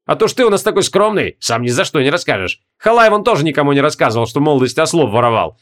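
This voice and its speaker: A man's voice: fairly high pitch, sing-song, rapid-fire, fairly bright tone. A man reading an audiobook voices a bald, wry wizard who needles a colleague. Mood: mocking.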